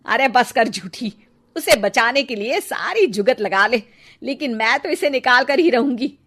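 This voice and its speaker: Scolding and sarcastic, the cranky older Indian mother-in-law of a Hindi cartoon story is voiced by a woman with a sharp-tongued delivery. Her fairly high-pitched voice is animated yet unhurried.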